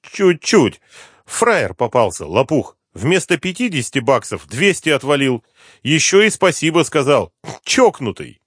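A man reading an audiobook, voicing a frightened, whining male drug addict with a high, pleading voice. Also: big pitch swings, unhurried, husky, no echo, clean studio sound, full character voice. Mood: agitated rambling.

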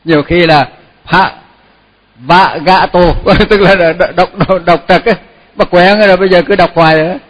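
A man teaching a Buddhist chant, repeating each syllable slowly and then explaining the pronunciation in casual talk. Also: sits high, fairly even intonation. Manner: slow, repeats syllables for pupils to echo. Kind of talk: chanting lesson.

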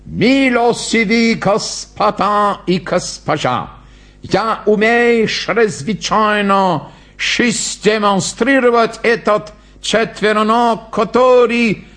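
A man voicing a clumsy, flustered male circus clown who shouts shrilly at his dog, read from a storybook. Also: high-pitched, takes it slowly, voice pushed up. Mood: pompous. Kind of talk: storybook reading.

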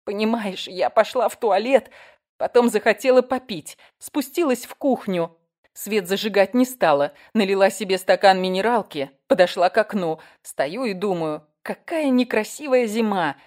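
A woman's voice: medium pitch, normal speed, a little mellow, voice pushed up, natural voice. Whiny panicked woman, as a reader puts her on. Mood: scared. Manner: whining, anxious, breathless. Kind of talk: audiobook reading.

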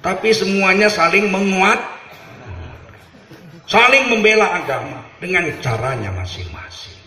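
A middle-aged man from Medan preaching a humorous sermon, telling lively stories and acting out little scenes. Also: high voice, measured pace, roomy sound. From Medan, Indonesia. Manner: animated storytelling with acted voices.

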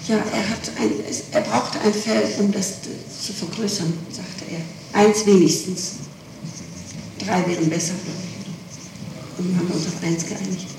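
A middle-aged woman with a medium-pitched, steady voice answers a prosecutor a little slowly, insisting on her account and repeating herself. The old archival tape is noisy and echoey, made in a reverberant room with her well away from the microphone.

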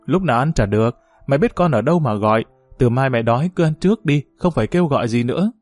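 Guy reading a restless young country woman, begging softly, dry close sound. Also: medium pitch, animated, fast, no room sound, faint music behind, natural voice. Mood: curt. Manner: pleading, intimate.

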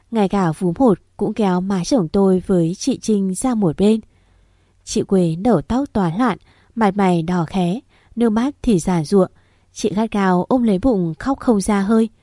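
A woman narrating a first-person story in a steady, even way. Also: mid-range voice, dry recording, clean studio sound.

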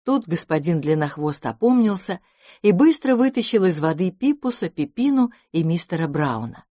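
A woman narrating a children's audiobook with lively, expressive storytelling. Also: fairly low pitch, normal speed, no room sound, studio quality.

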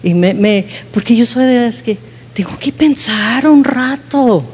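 A woman's voice: on the high side, expressive, measured pace, a little mellow, slightly rough. A woman giving an informal sermon talk at a women's church gathering, candid and self-mocking, often checking in with her listeners. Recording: long hall reverb.

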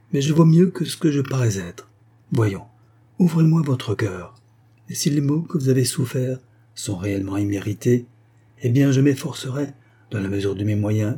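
A man's voice: medium pitch, expressive, moderate pace, warm tone, slightly rough, voice pushed up. A man voicing a stern, wealthy American father who questions in a commanding manner. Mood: stern questioning.

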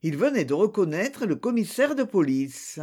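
An audiobook narrator giving an expressive, theatrical scripted reading of a detective novel. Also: medium pitch, moderate pace.

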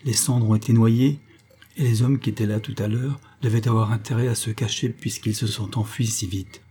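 Guy doing an eager young fella in an audiobook, quiet and earnest, low husky voice. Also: fairly even intonation, moderate pace. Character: young Parisian man, eager and admiring.

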